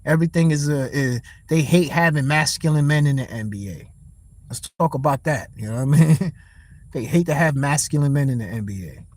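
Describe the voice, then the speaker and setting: High-voiced man ranting profanely about boxing. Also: animated, fairly quick, a little mellow. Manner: profane, blunt, rants and answers chat. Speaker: livestream host. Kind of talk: casual boxing talk livestream.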